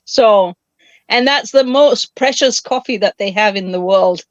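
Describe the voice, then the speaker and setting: A woman's voice: mid-range voice, a little slow, dry recording. Kenyan-born woman chatting on a dry muffled call line, keeps jumping in to explain. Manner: chatty, eager to explain, talks over others. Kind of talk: casual chat. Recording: dull, dry lo-fi call audio.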